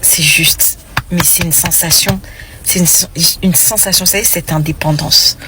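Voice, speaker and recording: A woman's voice: on the low side, steady tone, measured pace, noisy background. A woman around thirty speaking emphatically to camera, repeating herself as she makes her point. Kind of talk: casual talk to camera.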